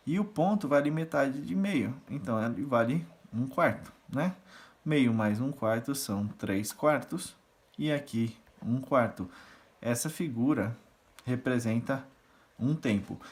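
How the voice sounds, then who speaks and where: In Brazilian Portuguese, a male music teacher patiently explains rhythm reading and solfège, counting syllables aloud while conducting the beat. His pitch is medium and his pace measured.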